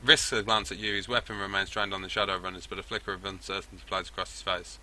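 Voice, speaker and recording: Sharp-toned man reading a game. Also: low voice, flat delivery, quick pace, slight background noise. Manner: rambling, self-correcting asides. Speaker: let's play host. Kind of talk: game playthrough, reading and commentary.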